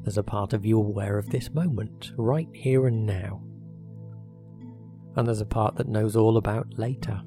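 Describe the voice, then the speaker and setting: Guiding listeners through hypnosis meditation, this therapist uses a lowish, soothing voice and an unhurried rhythm of short phrases and pauses. Meditation music sits underneath him.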